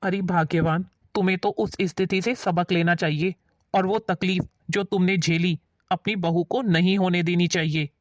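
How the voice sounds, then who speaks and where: A woman's voice: lowish voice, fairly even intonation, moderate pace, dry recording, lo-fi sound, natural voice. A woman playing an older father-in-law who reasons patiently with his wife in a family drama. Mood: reasoning. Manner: patient, lecturing.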